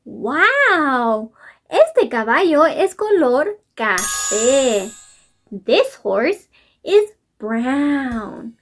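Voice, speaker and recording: A woman teaching young children in an animated lesson, talking in an exaggerated sing-song way and gasping with wonder. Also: high-pitched, drawn-out words, soft background music.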